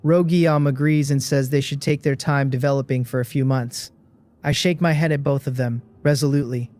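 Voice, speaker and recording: A man narrating a first-person adventure story in a steady, even, scripted delivery. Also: mid-range voice, brisk.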